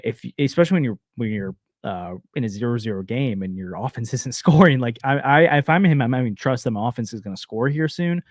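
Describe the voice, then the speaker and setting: A man co-hosting a casual sports podcast, hedging a lot with fillers and quick restarts. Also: medium pitch, dry recording, clean studio sound. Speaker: podcast co-host.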